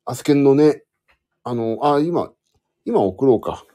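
A man's voice: medium pitch, expressive, unhurried, warm tone. A man hosting a casual solo podcast, rambling and correcting himself as he thinks aloud while fiddling with his phone. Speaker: podcast host. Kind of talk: casual solo chat to listeners.

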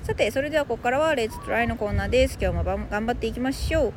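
Hosting a podcast that teaches English phrases, a woman whose native language is Japanese explains each point in a chatty way, speaking straight to her audience. She races along in a slightly high voice while noise fills the background.

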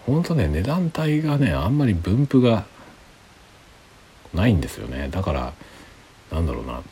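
A tipsy man rambling casually in a hushed late-night solo chat as a livestream host. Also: sits low, very animated, normal speed, breathy edge. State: drinking alcohol, tipsy.

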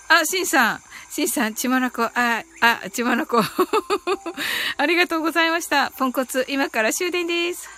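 Her voice sits high and sounds pushed and bright as she hosts an online live stream. Speaking in a personal, informal, chatty style, she reads out listener comments during casual chat and a bilingual guided meditation.

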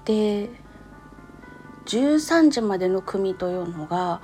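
A woman's voice: medium pitch, animated, slow, mellow, soft background music. A woman with a cute, anime-like voice talks casually and politely in short phrases, recounting her experience in a personal audio diary.

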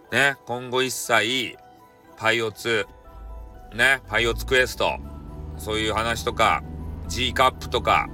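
A man speaking Hakata dialect hosts a solo podcast, joking around and telling stories in a playful, mock-formal style. His voice is medium in pitch with a sharp tone, and the talk is casual.

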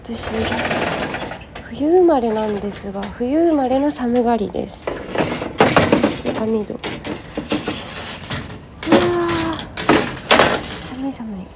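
A woman with a hoarse, gravelly just-woken voice, hosting a casual solo audio diary in a polite, rambling way, thinking aloud. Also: fairly high pitch, measured pace, heavy background noise. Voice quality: gravelly, croaky morning voice. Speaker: host of a personal audio show and tea and clay teacher. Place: at home. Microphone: smartphone.

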